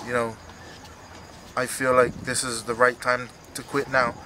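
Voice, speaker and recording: Emotional man, bright forceful voice, halting delivery. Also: mid-range voice, little pitch movement, slight background noise. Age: 30s. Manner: halting, earnest, repeats himself. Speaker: retiring fighter being interviewed. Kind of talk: emotional post-fight interview, unscripted.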